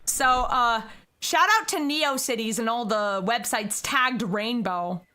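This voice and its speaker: A young woman with a slightly high voice chats slowly and casually on a livestream, speaking straight to her chat. Tearful with joy, she keeps breaking into excited squeals.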